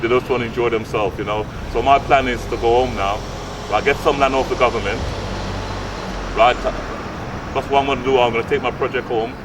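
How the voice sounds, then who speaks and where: Brisk and fairly even in intonation, a medium-pitched man in his late 60s from Guyana speaks in a casual interview. A youth fitness coach and community mentor, he's earnest and repetitive, often tagging phrases with "right?" Standing on an urban street by brick flats with a handheld mic at chest, he's recorded from a distance with clear street noise.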